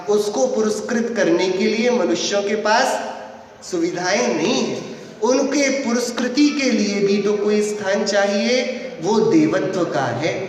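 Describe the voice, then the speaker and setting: A man's voice: high-pitched, a little hiss or hum. A man giving a sermon as a preacher, questioning his audience playfully and then answering himself. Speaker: Jain preacher. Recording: echoey hall from far off.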